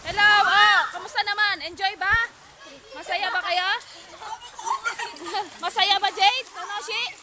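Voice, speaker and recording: A woman's voice: very high-pitched, takes it slowly, long pauses, a crowd in the background, noisy background. A woman filming a family gathering for her vlog, chatting and calling out to the children. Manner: chatty, mixes languages, calls out to kids.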